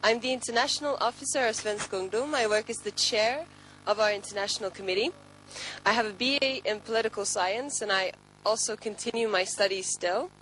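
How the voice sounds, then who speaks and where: A woman's voice: mid-range voice, fairly quick, a bit bright, slight background noise, low-quality recording. Earnest Finnish-accented woman. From Finland. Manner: earnest, advising. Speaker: youth party international officer. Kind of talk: panel statement.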